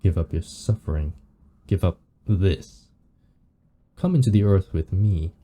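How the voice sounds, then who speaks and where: A man reading the lines of a weary, morbid undead painter from a visual novel, slowly and somberly. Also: deep voice, lively intonation, dark tone. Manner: slow, somber reading of game text.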